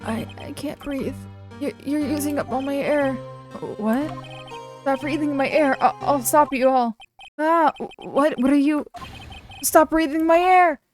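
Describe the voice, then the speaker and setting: A woman voicing a frantic trapped man who shouts for help in panic, reading game lines. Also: sits high, unhurried, faint music behind, voice pushed up. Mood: crazed.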